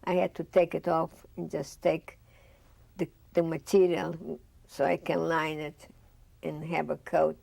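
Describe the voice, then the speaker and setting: An older Russian-accented woman from Bessarabia, seated in a studio against a dark curtain, recounts her life in an oral history interview and performs the dialogue she remembers. Her low, creaky voice is warm, flat, and unhurried, captured in a dry recording.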